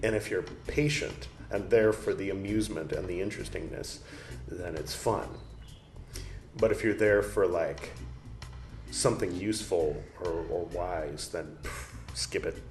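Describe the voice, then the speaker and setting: A man's voice: low voice, a little slow, darkish tone. Rambling man in an echoey room. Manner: rambling, jokey asides between read passages. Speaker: book reader and commentator. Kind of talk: casual reading with commentary. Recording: echoey room with faint music.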